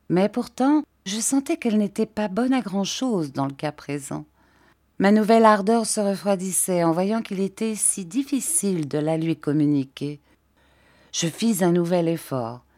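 A woman reader narrating a classic novel in a calm, measured way. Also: fairly low pitch, dry recording. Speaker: audiobook reader.

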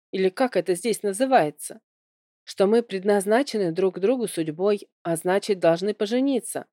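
A woman narrating a first-person novel in an even, measured reading voice. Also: mid-range voice, no room sound, studio quality. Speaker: audiobook narrator.

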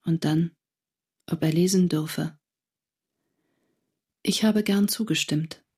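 An actress with a slightly husky, lowish, somewhat mellow voice plays a reflective woman reading from her wartime diary. Her delivery is measured and intimate, in the style of a literary radio drama, with a matter-of-fact mood.

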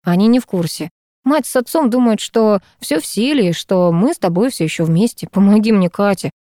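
A coaxing young footballer begging his ex for a favour, read by a woman in her own mellow voice. The delivery is dry and close, with little room sound, like an audiobook. He pleads softly and persistently. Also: medium pitch, animated, normal speed, no echo, lightly acted. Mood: pleading.

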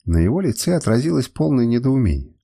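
Brief: male audiobook reader, mellow husky tone, animated first-person narration. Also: mid-range voice, quick pace. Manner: expressive, dramatic reading.

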